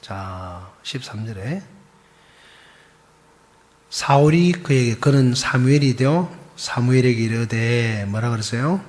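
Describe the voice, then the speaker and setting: A male pastor preaching a fiery sermon, quizzing the congregation and swinging from shouts to hushed whispers. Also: mid-range voice, lively intonation, takes it slowly.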